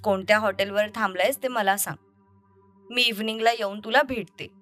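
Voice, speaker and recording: A woman voicing an angry young man who confronts his deceitful ex-lover in an audio story, over soft music. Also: mid-range voice, steady tone, brisk, lightly acted. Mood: accusing. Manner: accusing, bitter and confrontational.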